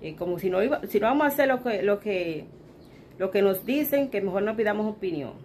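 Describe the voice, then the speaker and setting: A woman's voice: mid-range voice, animated, brisk, darkish tone, a little hiss or hum. A woman with a Dominican accent chatting to her viewers from her bedroom, acting out what others told her and calling her audience "chicas". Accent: Dominican Spanish. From Dominican Republic. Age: adult with children. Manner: chatty, talks straight to her viewers as "chicas" and acts out quoted remarks. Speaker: vlogger. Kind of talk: casual chat to viewers.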